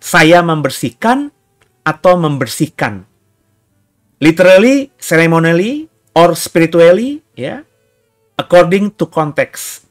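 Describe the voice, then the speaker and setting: Man preaching a sermon, higher voice. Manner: preaching with scripture reading, acting out cries. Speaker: pastor. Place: church hall.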